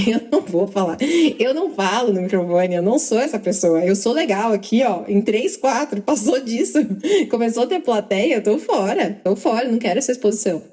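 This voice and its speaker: A young Brazilian woman co-hosting a podcast, telling work stories in a lively, self-deprecating way with quick asides. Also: on the high side. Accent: Brazilian Portuguese. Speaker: podcast co-host. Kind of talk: casual storytelling chat.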